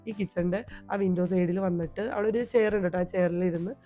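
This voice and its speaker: A woman vlogger with a Malayali accent, hoarse from a cold, chatting homely in a voice-over about her day. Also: on the low side, fairly even intonation, fast, soft background music. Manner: chatty, homely, tags sentences with a soft "ട്ടോ". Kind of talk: home vlog voice-over. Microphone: voice-over recorded at home.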